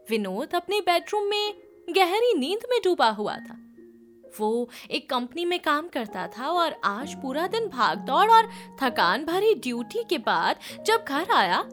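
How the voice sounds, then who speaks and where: A woman narrating a suspense story, acting out the phone calls herself with rising urgency. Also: high-pitched. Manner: voices each caller with rising loudness and urgency. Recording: soft background music.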